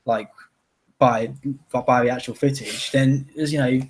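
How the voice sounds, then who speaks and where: A man's voice: medium pitch, fairly even intonation, measured pace, slight background noise. A young man hosting a live stream, chatting casually and giving strong opinions with lots of fillers. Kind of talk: casual chat.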